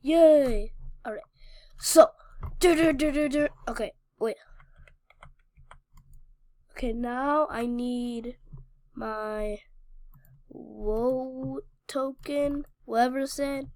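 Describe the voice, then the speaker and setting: High-pitched excitable woman gaming. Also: drawn-out words, pauses often, dry recording, clean studio sound. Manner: excitable, talks back to the game, slangy; scattered, restarts and stammers. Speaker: gaming channel host. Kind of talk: casual Minecraft gameplay commentary.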